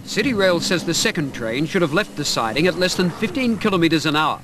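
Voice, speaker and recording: A man reporting a news story in a measured, formal, scripted delivery. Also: fairly high pitch, expressive, noisy background.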